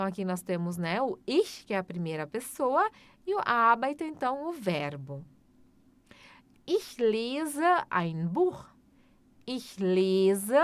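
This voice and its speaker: A woman, teaching German in a slow, patient language lesson and repeating each phrase. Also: medium pitch, no echo. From Brazil.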